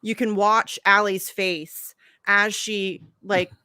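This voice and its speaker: A woman's voice: mid-range voice, level tone, takes it slowly, sharp tone, smooth, no room sound, clean studio sound. A young woman co-hosting a casual podcast, talking animatedly, laughing often and swearing freely. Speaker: podcast co-host. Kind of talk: casual chat.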